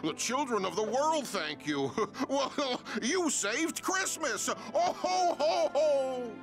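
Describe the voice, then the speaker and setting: An actor playing a jolly, hearty old Santa Claus in a cartoon. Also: male voice, very high voice, very animated, slow, creaky, faint music behind, exaggerated voice, poor audio. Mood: jolly, grateful.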